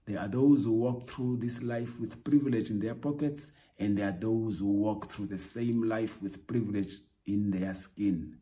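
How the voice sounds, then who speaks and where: A man hosting a podcast, delivering a reflective spoken essay in a measured, emphatic way with repeated rhetorical lines. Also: fairly low pitch, warm tone. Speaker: podcast host.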